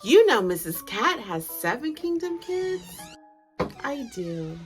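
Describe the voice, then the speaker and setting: A woman in her thirties who hosts a children's bedtime story series reads aloud to young listeners with exaggerated, deliberate phrasing. Her voice sits high and is sing-song, and music plays behind her.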